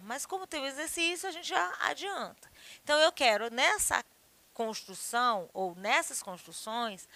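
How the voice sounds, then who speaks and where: A woman's voice: sits high, sharp tone, no echo. A Brazilian woman with a Brazilian Portuguese accent teaching a grammar lesson, explaining patiently and checking with her students as she goes.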